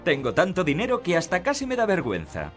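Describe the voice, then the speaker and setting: An actor playing a cheeky, bumbling young pirate hero in a video game, with a Castilian Spanish accent. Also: male voice, high-pitched, wildly swooping pitch, fast talker, soft background music. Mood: cheeky bluffing.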